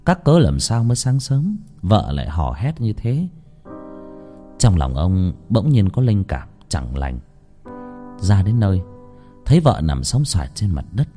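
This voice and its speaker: Dark-voiced man telling a ghost story. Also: on the low side, a little slow, pauses often. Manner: dramatic, expressive storytelling. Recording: faint background music.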